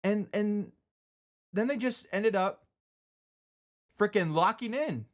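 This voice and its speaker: Speaking slowly in a high, expressive voice, a man hosts a casual solo radio show. He talks informally with slangy asides and repeats words to stress them.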